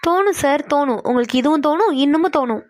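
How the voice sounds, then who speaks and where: A chatty young office girl in a cartoon, voiced by a woman, easily flustered and quick to protest. Her voice is high and she talks fast. The recording is dry and close. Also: lively intonation, a little mellow, no room sound. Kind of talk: cartoon voice acting.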